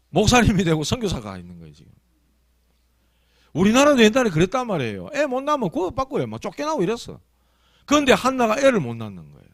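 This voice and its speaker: A man's voice: high voice, dry recording. A man preaching a Sunday sermon as pastor, telling stories in a colloquial, emphatic way. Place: church.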